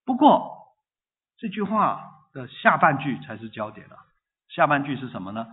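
A man's voice: medium pitch, moderate pace. Preaching man on a tinny line. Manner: lively, asks the congregation questions, repeats phrases rhythmically. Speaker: pastor. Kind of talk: sermon.

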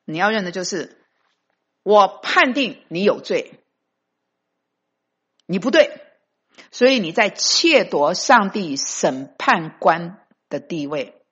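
A woman's voice: on the low side, animated, slow, pauses often, a bit bright, breathy edge. A woman preaching a sermon with emphasis, dropping English phrases into her talk. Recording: dull lo-fi recording.

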